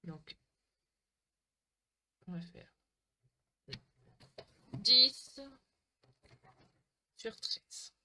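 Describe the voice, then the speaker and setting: A woman's voice: medium pitch, lively intonation, very slow, long pauses, pushed and bright, slight background noise. A woman hosting a live crafting stream from home, chatting to viewers by name as she works and laughing at her own slips. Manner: chatty, talks to viewers by name, self-mocking. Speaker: crafting livestream host. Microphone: desk mic.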